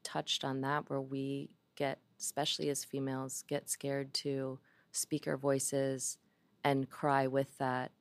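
A woman's voice: extremely low pitch, completely flat delivery, slow, no room sound. A woman in her forties talking openly and emotionally in a podcast conversation, swearing freely. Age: 40s.

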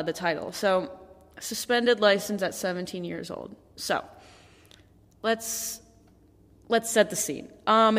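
A woman's voice: mid-range voice, creaky. An eighteen-year-old woman hosting her podcast, telling a casual story in a rambling way full of restarts and fillers. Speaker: podcast host. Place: echoey room. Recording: echoey room with long reverb.

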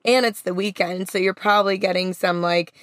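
A woman chats casually as a podcast co-host in a small, dry space inside a van. Her pitch sits in the middle for a woman, and she talks in an everyday conversational way. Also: steady tone, brisk, no echo.

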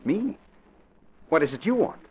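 An actor playing a haughty, suspicious gentleman smuggler with an exaggerated, affected British accent in old radio drama. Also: fairly high pitch, big pitch swings, unhurried, slightly rough, heavily acted. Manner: affected, plummy. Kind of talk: 1930s-40s radio crime drama acting. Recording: dull old radio recording.

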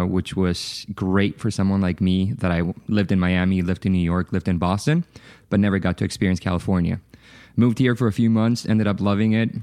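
A man in his thirties from Chile, a podcast guest telling his career story in a relaxed, fluent way. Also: sits low, no echo, studio quality. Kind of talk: conversational interview.

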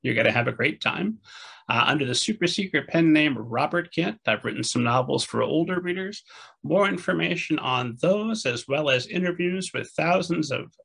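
A man's voice: on the high side, lively intonation, moderate pace, gravelly, fairly bright tone, husky. A man hosting a podcast interview, jokey and upbeat, with casual fillers. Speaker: podcast host.

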